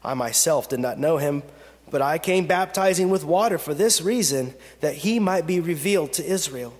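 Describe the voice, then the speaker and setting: A man in his thirties, a pastor, leading a pastoral prayer and reading scripture from the pulpit in slow, measured phrases with long pauses. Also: a little high, animated. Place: church sanctuary at a pulpit. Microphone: pulpit gooseneck microphone. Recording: long reverb of a church sanctuary.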